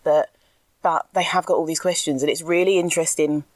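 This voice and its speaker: Low-voiced woman chatting candidly. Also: fairly even intonation, brisk, darkish tone, dry recording. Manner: candid, ranty, laughs often. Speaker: podcast co-host. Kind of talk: casual chat. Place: outdoors in a garden.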